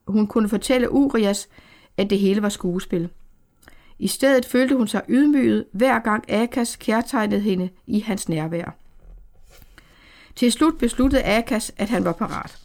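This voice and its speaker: Woman reading an audiobook, gravelly voice, pitched a bit high, steady pace. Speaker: audiobook narrator. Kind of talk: scripted narration.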